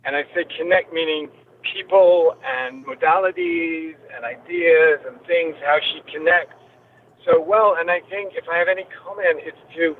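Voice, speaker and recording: A woman calling in from a moving car over a clipped phone line, talking earnestly and haltingly, with many restarts. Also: on the low side. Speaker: caller. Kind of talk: call-in chat. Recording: tinny phone line with road noise.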